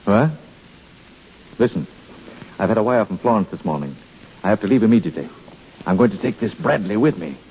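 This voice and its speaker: Casting: brisk, urgent con man; lively 1930s radio delivery, thin phone-like sound with faint noise. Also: on the low side. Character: brisk, urgent male swindler, smooth schemer. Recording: tinny, noisy 1930s radio recording.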